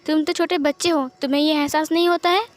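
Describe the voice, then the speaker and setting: A woman voicing a gentle, wounded older man who speaks softly, reassuring and teasing. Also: high-pitched, fairly even intonation, quick pace, close to an everyday voice. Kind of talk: Hindi fan-fiction reading.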